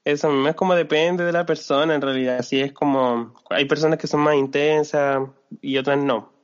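A man's voice: fairly high pitch, fairly even intonation, fairly quick. A young man with a Chilean accent, chatting casually in a hesitant, reflective way. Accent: Chilean Spanish. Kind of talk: casual chat. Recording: dull lo-fi audio.

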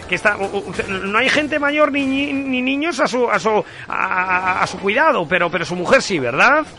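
A radio host making a live prank call, posing as an official and insistently repeating himself. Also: male voice, sits high, animated, moderate pace, pushed and bright, slight background noise.

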